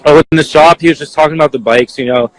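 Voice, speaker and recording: Halting young man telling what he saw. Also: a little high, low-quality recording. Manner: halting, filler-heavy, leans on "like". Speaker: eyewitness answering viewer questions. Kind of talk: casual spoken account.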